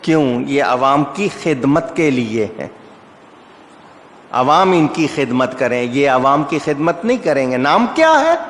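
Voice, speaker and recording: A male Islamic preacher delivers a sermon in a slightly bright, mid-range voice with big pitch swings. He tells stories that build to rising, emphatic outbursts and puts rhetorical questions to the audience. Echoey hall reverb surrounds him.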